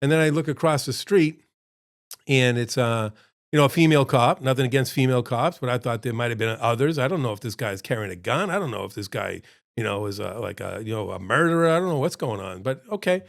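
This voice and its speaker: A man at an ordinary, middle pitch tells a story in a loose, rambling way. He jumps sharply upward when he acts out what people said, then drops back into casual chatter. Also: expressive, fast, creaky. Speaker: restaurant owner and show host.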